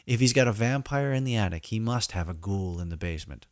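A man tells scripted comic stories in a low voice that swings freely up and down. His delivery is wry, theatrical and mock-solemn. The recording is dry and close, like a podcast. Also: expressive, quick pace, no echo. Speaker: podcast host and storyteller. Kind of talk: scripted comic first-person narration.

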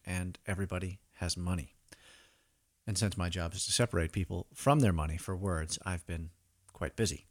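A man in his thirties hosting his own podcast, giving a scripted introduction with wry, dry humor. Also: deep voice. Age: 30s. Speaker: podcast host.

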